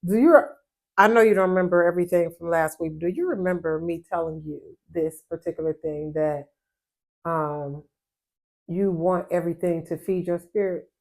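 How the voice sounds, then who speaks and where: A woman's voice: fairly low pitch, normal speed. A woman co-hosting a podcast in casual chat, who keeps affirming her partner, teases her and laughs easily. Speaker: podcast co-host.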